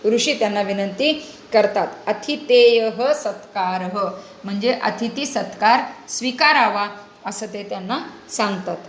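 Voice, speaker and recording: A woman teaching a Sanskrit play, reciting each line slowly and then explaining it, often checking that the students follow. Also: a little high, slight background noise. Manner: often checks understanding with the class. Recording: roomy echo.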